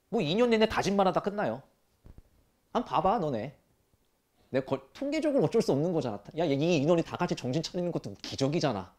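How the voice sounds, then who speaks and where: Blunt, profane man lecturing students. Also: on the high side. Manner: animated, rhetorical questions. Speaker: math tutor. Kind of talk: classroom lecture.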